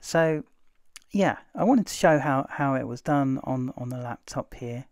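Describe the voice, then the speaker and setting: A man's voice: mid-range voice, unhurried, dry recording, studio quality. Chatty man narrating a tutorial. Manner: relaxed, chatty, many "uh" fillers. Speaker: tech tutorial host. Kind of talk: casual screen-recorded tutorial narration.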